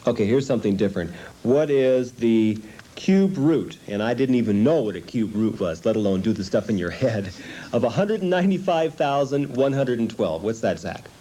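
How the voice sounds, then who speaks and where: A man's voice: medium pitch, lively intonation, normal speed, dark tone. A man presenting an infomercial on location, informally quizzing people and sounding amused and impressed. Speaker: presenter testing students. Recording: noisy room on location.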